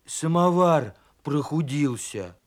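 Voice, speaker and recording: A man's voice: a little high, lively intonation, takes it slowly. A man voicing a blustering scared bear cub. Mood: scared, shouting. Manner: shouty, defensive. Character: frightened little male bear cub, blustering. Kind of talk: storybook reading.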